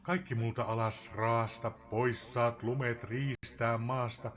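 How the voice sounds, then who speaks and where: A man giving a dramatic poetry recitation, swinging between loud outbursts and hushed whispers. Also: mid-range voice, level tone. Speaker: live streamer reading a poem.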